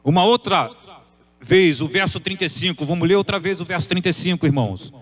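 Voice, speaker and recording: High-voiced preacher. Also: male voice, brisk. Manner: rhetorical, emphatic questioning. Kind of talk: sermon.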